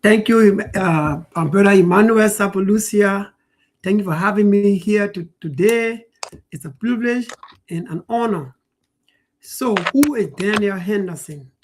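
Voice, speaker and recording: A man in his forties answering interview questions in an earnest, measured way. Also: sits high. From Liberia. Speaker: guest financial educator.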